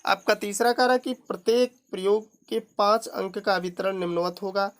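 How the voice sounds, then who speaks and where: A man's voice: sits high, normal speed. A male teacher works steadily through a long syllabus list, reading each item in turn. He breaks in now and then with short remarks to his students.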